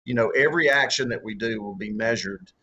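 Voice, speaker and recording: The recording is lo-fi, and his fairly low voice comes out fairly quick, sharp, and edged with breathiness. He's a middle-aged author and former political candidate from the Deep South with a strong Southern accent, fielding interview questions about faith and leadership while stumbling, repeating words, and using lots of fillers.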